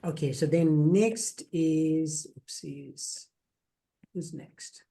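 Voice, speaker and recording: A man's voice: fairly high pitch, steady tone, extremely slow, gravelly, mellow. Guy hosting a video call, friendly chatter, little jokes, repeats himself. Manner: chatty, jokey, repeats words. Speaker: program faculty host.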